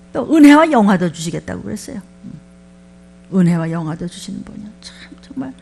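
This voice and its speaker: A woman pastor giving a sermon, talking to her congregation in a lively, conversational way and asking them many questions. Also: on the high side, gravelly.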